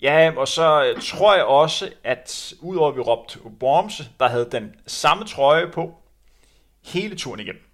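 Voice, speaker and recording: A man's voice: a little high, expressive, fairly bright tone. A man who used to run, telling anecdotes in a rambling way with many fillers. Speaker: former runner telling stories. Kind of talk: casual anecdote chat.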